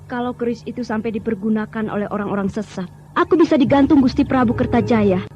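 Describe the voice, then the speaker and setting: A headstrong wounded warrior, old radio drama. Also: female voice, fairly high pitch, fast, darkish tone. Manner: impatient, headstrong, bantering. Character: stubborn wounded young woman warrior. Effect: old radio drama recording. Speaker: Tri Andiani, a radio drama character. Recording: dull lo-fi old radio drama recording with faint music.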